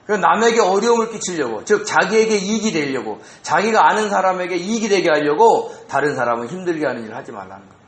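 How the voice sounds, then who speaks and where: A male pastor preaching an expository sermon in a church, animated and asking the congregation rhetorical questions. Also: sits high, fast talker, hardly any pauses. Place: church sanctuary. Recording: roomy echo.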